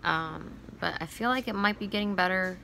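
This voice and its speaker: A woman in her twenties giving a casual, halting personal update to her phone at arm's length in a room at home. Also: on the low side, creaky, pushed and bright, a little hiss or hum. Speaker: vlogger. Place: small room at home, seated indoors.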